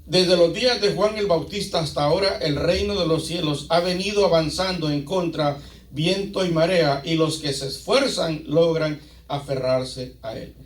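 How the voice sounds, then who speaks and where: A male pastor with a Latin American Spanish accent preaches a sermon to his congregation in a slightly high voice at normal speed. He is emphatic, repeating phrases and asking rhetorical questions, and the room sounds echoey, captured from a distance.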